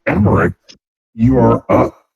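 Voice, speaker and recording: A man's voice: medium pitch, sing-song, a little slow, vocal fry, a little mellow, husky, highs cut off, full character voice. A man running a tabletop game as game master, his voice passed through a demonic layered voice changer.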